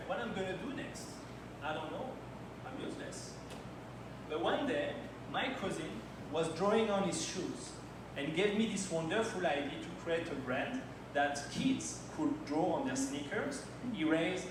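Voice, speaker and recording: A Frenchman in his thirties, speaking English as a second language, tells personal anecdotes during a timed slide talk at a launch party. His voice is fairly high, and his phrasing is non-native. The recording comes from a very echoey event hall with a distant mic and lots of noise.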